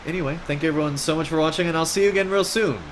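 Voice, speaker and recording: A man's voice: fairly high pitch, very fast. Casual male gaming host, noisy background. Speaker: gameplay video host. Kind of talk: casual gameplay commentary.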